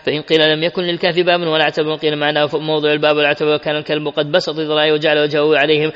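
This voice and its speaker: A man's voice: a little high, completely flat delivery, rapid-fire, fairly bright tone, smooth. A man reading classical Quran commentary aloud, with frequent self-corrections and restarts. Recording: dull lo-fi recording with long hall reverb.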